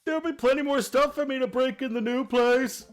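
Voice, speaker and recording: A man voicing a sarcastic teenage girl in her last year of high school, teasing her dad with deadpan quips in a game playthrough. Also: brisk, faint music behind. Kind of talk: playthrough voice acting.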